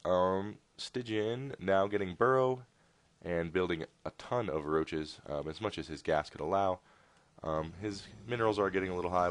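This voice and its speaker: A man casting a strategy game replay in a casual, rambling way with jokey asides. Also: deep voice. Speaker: game caster. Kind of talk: casual video game commentary.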